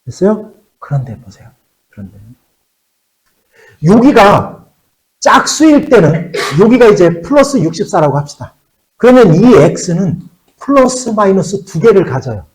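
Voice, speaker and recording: A man teaching a math class to high school students, often repeating key words and checking that they follow. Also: big pitch swings, unhurried, pauses often, rough recording.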